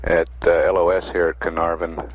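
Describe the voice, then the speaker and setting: Low-voiced man, dull archival feed. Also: level tone. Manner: halting, unscripted, with frequent mid-sentence pauses. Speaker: mission control public affairs commentator. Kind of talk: measured official live mission commentary.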